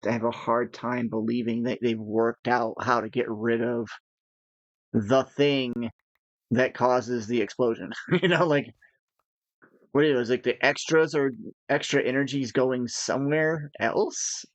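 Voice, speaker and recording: A man's voice: mid-range voice, dry recording. A man talks loosely over a gaming session, piling up restarts and breaking into nervous laughs. His voice sits in a middle register. The recording is dry and slightly dull, like a basic home headset mic. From United States. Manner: rambling, nervous laughs, animated. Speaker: gaming podcast co-host. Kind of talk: casual chat while gaming.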